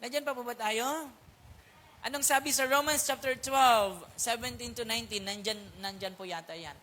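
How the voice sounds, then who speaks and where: A man's voice: extremely high pitch, normal speed, pushed and bright. A male pastor preaching a sermon at a prayer meeting, mixing in English words and checking if listeners are still with him. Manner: keeps asking if listeners are still there; mixes English words into speech.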